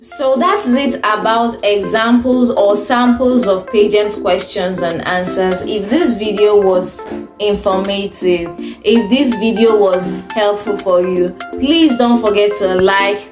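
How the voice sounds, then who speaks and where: Measured female tutorial narrator over music. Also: medium pitch. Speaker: pageant tips presenter. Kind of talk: scripted instructional video narration. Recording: music playing behind the voice. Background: background music.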